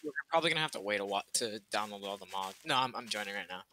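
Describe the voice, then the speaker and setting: A man's voice: fairly low pitch, expressive, rapid-fire, sharp tone. Man chatting over a noisy mic. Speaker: gamer. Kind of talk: casual gaming chat.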